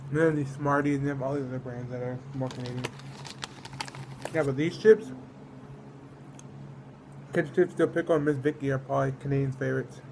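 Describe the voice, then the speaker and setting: A man's voice: medium pitch, little pitch movement, brisk, pauses often, background noise. A man from the United States giving a casual, rambling food review, often trailing off mid-thought. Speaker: snack reviewer.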